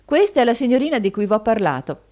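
A woman's voice: on the high side, big pitch swings, fast, a little mellow, pitched above the performer's own voice. A woman reading a storybook voices a fond, fussy middle-aged wife who runs a dressmaking shop, exclaiming and affectionate.

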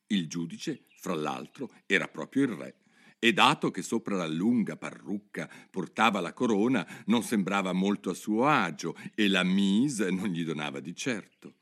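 A man narrating a storybook in a lowish voice that rises and falls a great deal. He reads in a measured, expressive way, with the care of a scripted audiobook.

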